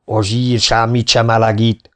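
A man's voice: fairly low pitch, little pitch movement, fairly bright tone, natural voice. A man voicing an angry male ship's stoker, a defiant mutineer with a mocking tone.

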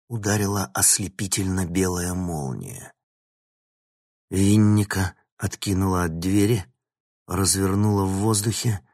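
A man reads an audiobook in a steady, even storytelling voice. His voice is very deep and husky, and it is recorded close and dry, with no room echo. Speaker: audiobook narrator. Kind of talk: scripted narration.

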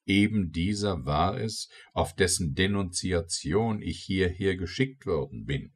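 A man's voice: low-pitched, measured pace, breathy edge, pitched above the performer's own voice, heavily acted. A man reading as a deferential constable. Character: deferential male constable leader, guarded. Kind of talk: audiobook reading.

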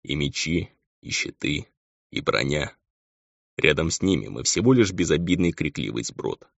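A man reading an audiobook, voicing a hot-tempered red-haired demon lord with a gravelly voice. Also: extremely low pitch, sing-song, brisk, dry recording, exaggerated voice. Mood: brooding. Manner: furious ranting. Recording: dull lo-fi audio.

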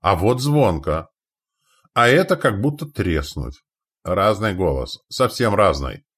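A man voicing an eager young Norse lookout lad who speaks broken Russian and shouts from the mast. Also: fairly low pitch, sing-song, slow pace, slightly rough, exaggerated voice.

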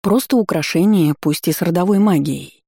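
Expressive first-person audiobook reader, warm tone, close dry booth sound. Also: mid-range voice, moderate pace, vocal fry, slightly rough, no echo. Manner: lively, expressive storytelling. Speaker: audiobook narrator.

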